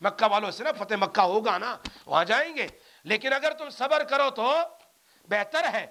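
Male preacher, commentary sermon; very high, lively pitch, emphatic peaks. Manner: animated, rises to loud emphatic peaks.

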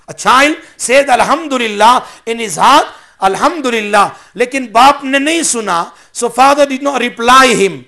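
A man's voice: very high voice, bright, forceful tone. A man giving a religious sermon, mixing in English phrases and asking his listeners questions. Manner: asks the audience questions. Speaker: preacher.

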